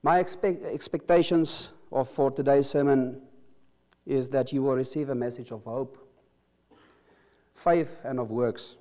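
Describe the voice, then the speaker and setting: A South African man with an Afrikaans accent preaches a sermon that opens with a prayer. His medium-pitched, dark voice is earnest, and his delivery halts with restarts and added stresses.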